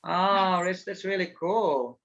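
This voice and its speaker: A man facilitating an online group call, introducing the session slowly with many fillers. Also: sits high, a bit bright, highs cut off. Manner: slow, halting, with many fillers. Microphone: video call.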